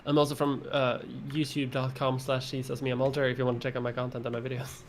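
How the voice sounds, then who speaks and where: Relaxed Swedish-born man guesting on a chat. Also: mid-range voice, rapid-fire, a little hiss or hum. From Sweden. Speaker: guest, YouTuber. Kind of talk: casual chat.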